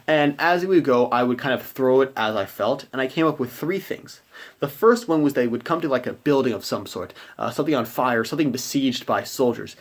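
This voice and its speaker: Rambling man retelling a tabletop game. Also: medium pitch. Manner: rambling, many fillers like "you know". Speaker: game master. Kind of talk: recounting a tabletop game session.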